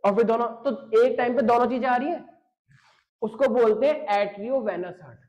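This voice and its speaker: High-voiced joking male biology teacher. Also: moderate pace. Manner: jokey, teasing, talks straight to students. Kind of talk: online class lecture reading chat questions. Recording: dull lo-fi stream audio.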